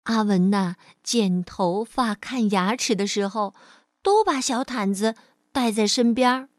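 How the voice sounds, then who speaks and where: A woman reading a bedtime storybook to children in a gentle, sing-song way. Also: medium pitch, lively intonation, a little slow, no room sound, clean studio sound.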